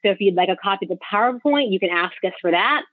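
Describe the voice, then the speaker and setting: A woman's voice: medium pitch, expressive, quick pace, no echo. A woman financial advisor giving an informal webinar, talking conversationally and directly to her listeners. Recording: tinny phone-like line.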